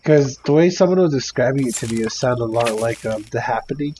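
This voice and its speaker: Male gamer, casual voice chat, animated delivery, faint noise behind. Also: mid-range voice, fairly quick. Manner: chatty, swears casually. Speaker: gamer playing with friends. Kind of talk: casual voice chat while gaming.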